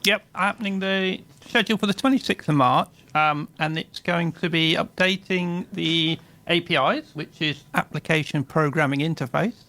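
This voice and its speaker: A man's voice: a little high, moderate pace, few pauses, pushed and bright. A man, a guest expert on a radio show, explains website updates in a plain, matter-of-fact way and sounds slightly lisped through his microphone.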